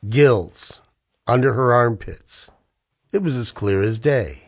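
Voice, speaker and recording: In a scripted noir piece styled after old radio plays, an actor voices a weary, cynical, down-on-his-luck man narrating the tale. His voice sits in the mid range and moves at a slow pace, with a brooding mood throughout.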